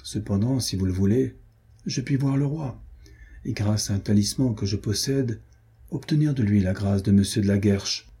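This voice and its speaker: Scheming baron in a storybook, cool and calculating, dark husky voice, read by a man. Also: fairly low pitch, normal speed.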